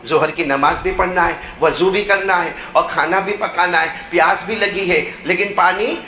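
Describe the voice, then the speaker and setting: High, bright-voiced impassioned male preacher. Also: steady tone, reverberant. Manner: impassioned preaching that swings into loud shouting; calls on the crowd to answer back. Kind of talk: sermon storytelling.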